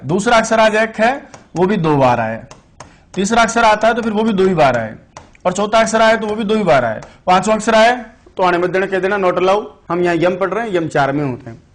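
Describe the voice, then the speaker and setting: A man teaching Sanskrit in an online exam-prep class, telling chatty stories, putting questions to the students and explaining slowly and deliberately. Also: high-pitched.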